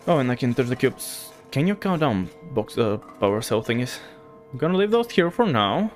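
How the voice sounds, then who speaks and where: Very animated at a moderate pace, this medium-pitched Bulgarian man streams with a light accent and soft music in the background. He chats casually with viewers and muses aloud as he plays.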